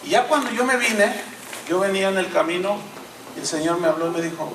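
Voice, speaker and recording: An older-sounding Mexican man, nearing sixty, preaches with a fairly high voice and lively storytelling. He is picked up from a distance in an echoey sanctuary, with steady hiss behind him. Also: a little fast. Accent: Mexican Spanish. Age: 50s. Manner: animated, acts out dialogue in shifting voices. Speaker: pastor. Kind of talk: sermon with storytelling. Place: church sanctuary. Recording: echoey church hall, mic at a distance.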